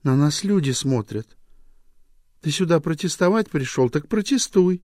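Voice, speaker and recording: A man reading an audiobook aloud, voicing a sharp-tongued young wife who mocks and provokes her husband. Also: a little high, lively intonation, no echo, clean studio sound, voice pushed up. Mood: provoking. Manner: mocking, provocative, quick to snap. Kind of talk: audiobook character voice.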